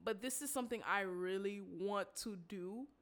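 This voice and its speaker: Young woman in her 20s, kinda congested, just chatting casual on her podcast, middle pitch. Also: normal speed, fairly bright tone. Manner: candid, slangy, conversational. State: congested, under the weather. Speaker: podcast host. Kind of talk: casual solo podcast talk.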